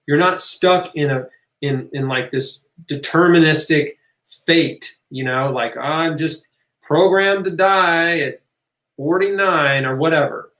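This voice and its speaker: Hosting a live health Q&A, a man speaks slowly in a fairly bright voice on the high side. He's informal and emphatic, encouraging listeners, repeating key phrases and checking in with "right?" and "okay?", while the room sounds roomy and echoing.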